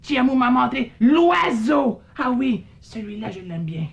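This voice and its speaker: A woman's voice: fairly high pitch, very animated, a little slow, creaky, muffled recording, exaggerated voice. A woman voicing a curious, childlike little male puppet character who stammers when surprised, in a children's puppet show. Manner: playful, stammering, wonder-struck.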